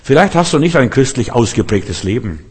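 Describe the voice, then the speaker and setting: A man's voice: mid-range voice, sing-song, a little fast, darkish tone, breathy edge. A man preaching a sermon, emphatic and repetitive, speaking directly to his listeners.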